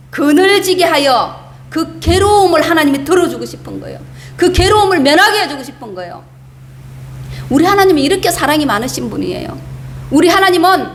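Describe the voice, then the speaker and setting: High-voiced woman pastor preaching, echoey. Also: a bit bright. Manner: emphatic, asks the congregation rhetorical questions; acts out the prophet's complaints in quoted speech. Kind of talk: sermon. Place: church sanctuary.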